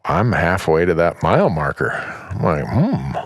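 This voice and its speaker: A man in his fifties, a podcast co-host from Montana, explaining things in a relaxed, matter-of-fact way in casual chat. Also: low voice, normal speed, dry recording, studio quality. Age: 50s.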